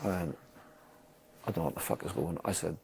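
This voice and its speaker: A man's voice: low-pitched, quick pace, gravelly, husky. A Welsh man, a football manager, telling a match story in casual chat, swearing freely and acting out what people said. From Wales. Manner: animated, swears a lot, acts out quotes loudly.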